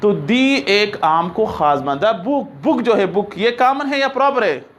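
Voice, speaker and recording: A man teaching an English class, explaining slowly, repeating examples and checking that students follow. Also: high-pitched, expressive, a little hiss or hum. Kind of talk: classroom lecture.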